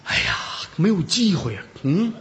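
Man, comic storyteller, higher voice, very lively pitch, reverberant room. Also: moderate pace, slight background noise. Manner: animated, playful asides, acted-out shouts.

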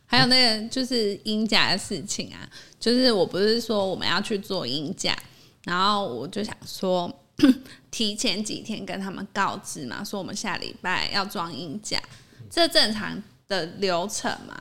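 A woman's voice: medium pitch, big pitch swings, normal speed, a bit bright. A young woman co-hosting a podcast in casual chat, telling stories animatedly and laughing often. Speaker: podcast co-host.

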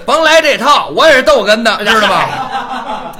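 A man performing crosstalk comedy on a live stream, stubborn and quick with comebacks. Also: extremely high pitch, lively intonation, a crowd in the background.

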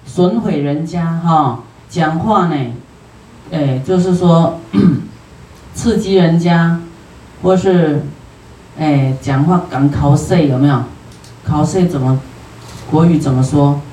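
A Buddhist teacher with a Taiwanese Mandarin accent gives a sutra lecture in a homely, chatty manner, dotting sentences with drawn-out particles. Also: medium pitch, dark tone, slight background noise. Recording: roomy hall, distant from the mic.

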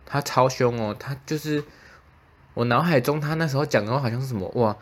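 A man's voice: mid-range voice, fairly quick. A young man with a Taiwanese Mandarin accent chatting casually on his own podcast, self-mocking and acting out the dialogue in his stories. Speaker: podcast host. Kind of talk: casual solo podcast chat.

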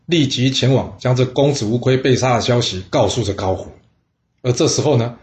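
A man telling a historical tale in an animated, chatty way, with asides to listeners. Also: medium pitch. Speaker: storyteller. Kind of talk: lively historical storytelling. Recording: roomy echo.

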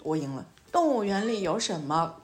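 A woman with a mid-range voice hosts a casual interview for children in the manner of a teacher. She prompts with short questions, repeats key words and slips foreign words into her sentences. Soft music plays behind her. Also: mid-range voice, big pitch swings, moderate pace. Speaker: host and children's language teacher.

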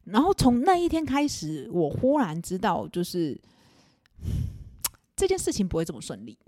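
A young adult woman with a Taiwanese Mandarin accent, hosting a podcast and telling a personal story in a casual, animated way with bursts of exasperation. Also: mid-range voice, normal speed, no echo, studio quality. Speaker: podcast host.

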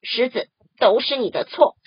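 A woman's voice: a little high, normal speed, slightly rough, dry recording, muffled recording. A woman voicing a flustered orangutan in a storybook, explaining in a hurry. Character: flustered orangutan, hurried and excitable.

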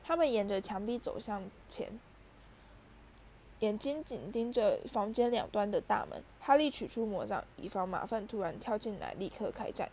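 A woman reading a storybook aloud as narrator, lively and voicing the characters. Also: medium pitch, normal speed, a little hiss or hum. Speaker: audiobook reader.

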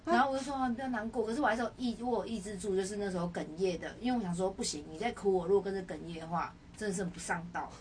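Young woman co-host, rapid chatty storyteller, set back from the mic with faint hiss. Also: mid-range voice, a little mellow. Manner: chatty storyteller, laughing often. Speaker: podcast co-host. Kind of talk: casual chat. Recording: distant mic with faint noise.

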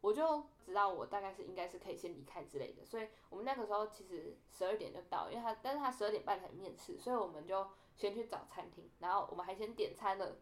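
A woman's voice: medium pitch, animated, fast, hardly any pauses. A young woman telling a story in a casual podcast chat, animatedly acting out the quoted dialogue. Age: young adult. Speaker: podcast co-host.

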